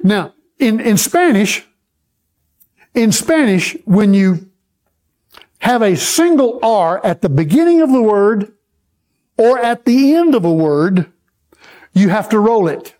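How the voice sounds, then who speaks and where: A man preaching a sermon, teaching slowly and checking in with the congregation as he goes. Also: high voice, very animated, darkish tone. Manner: slow, repetitive, checks in with the congregation. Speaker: pastor.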